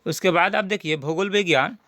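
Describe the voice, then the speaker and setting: Male teacher, high-pitched, dry close recording, methodical and repetitive. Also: brisk, sharp tone, dry recording. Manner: methodical, repeats points for students. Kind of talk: syllabus walkthrough lesson.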